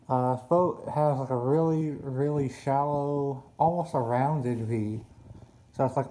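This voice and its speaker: A man's voice: mid-range voice, mellow. A man talking casually in a hobby vlog, his articulation thick and slurred from a swollen tongue. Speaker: RC boat hobbyist showing a build.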